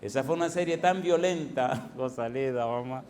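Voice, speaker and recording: A middle-aged man, preaching a sermon as pastor and building to loud rhetorical questions. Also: mid-range voice, moderate pace, slight background noise. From Dominican Republic.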